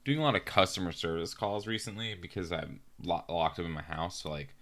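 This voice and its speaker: Deep-voiced, loose-talking young man. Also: fairly quick, a bit bright. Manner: loose, profane, rambling storyteller. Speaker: podcast co-host. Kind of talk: casual chat.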